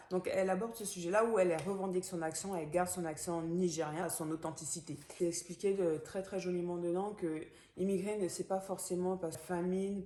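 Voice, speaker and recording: A young woman speaks with a Gabonese French accent, her voice low and mellow. She talks through a book review in a casual, hesitant way, full of fillers and restarts. The room around her sounds roomy and echoey.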